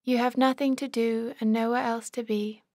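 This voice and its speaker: This body scan meditation is guided by a woman whose voice is a touch high and almost flat in pitch movement, calm and measured throughout. Her short cues come through a close, very dry recording.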